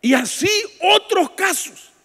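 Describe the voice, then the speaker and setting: A male pastor with a strikingly high voice preaches in a large hall whose long echo trails every phrase. He tells stories with humor, calling out some lines loudly and dropping to a near hush for others. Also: lively intonation, slow, creaky. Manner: storytelling preacher, swings from shouts to hushed asides; jokes with the congregation. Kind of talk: sermon at a women's retreat. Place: church hall.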